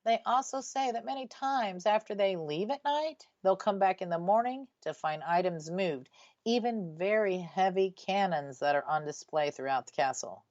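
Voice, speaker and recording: A woman's voice: medium pitch, normal speed, a little mellow, dry recording. A woman hosting a radio show about ghosts in a conversational storytelling style. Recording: slightly dull, dry sound.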